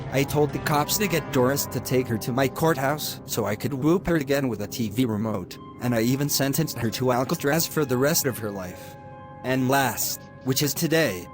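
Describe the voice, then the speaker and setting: A man voicing a stern middle-aged judge in a homemade animation, lecturing at length and sounding exasperated. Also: medium pitch. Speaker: narrator and voice actor of an animation.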